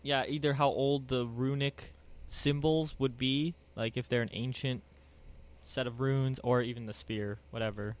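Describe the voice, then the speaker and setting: A man's voice: mid-range voice, fairly even intonation, measured pace. A man playing a tabletop game, asking the game master questions in a playful, casual way. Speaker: player.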